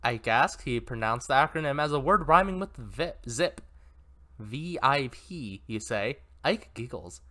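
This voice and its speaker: A man's voice: medium pitch, lively intonation, unhurried, sharp tone. Chatty man reading an interactive novel. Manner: chatty, self-correcting, laughs at own mistakes. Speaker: story reader and commentator.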